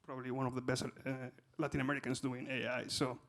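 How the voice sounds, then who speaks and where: A man's voice: medium pitch, level tone, quick pace, creaky, fairly bright tone. A man hosting a conference, introducing the next speaker hesitantly with many uhs. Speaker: event host.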